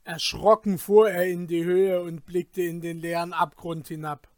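Brief: male audiobook narrator, high voice, unhurried dramatic telling, dry booth sound. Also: level tone, dry recording. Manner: measured, dramatic storytelling.

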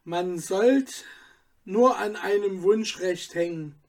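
Male reader doing a soft-spoken storybook boy, earnest, slow. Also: high voice. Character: poor boy, gentle and kind-hearted. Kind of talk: storybook reading.

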